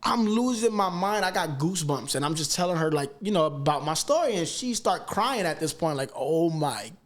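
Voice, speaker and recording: High-voiced man telling animated stories. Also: a little fast. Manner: animated, emphatic, swears freely. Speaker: podcast guest. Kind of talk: casual storytelling chat.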